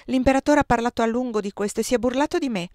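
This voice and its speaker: Give me a woman voicing an excitable young queen, chattering high and quick. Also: dry recording, studio quality, close to an everyday voice. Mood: excited chatter. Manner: quick, animated, raised.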